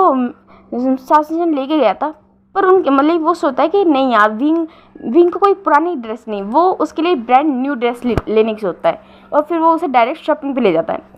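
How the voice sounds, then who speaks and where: A woman casually retelling a romance fan story, often pausing with fillers and correcting herself. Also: sits high, animated, lo-fi sound. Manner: frequent fillers and self-corrections.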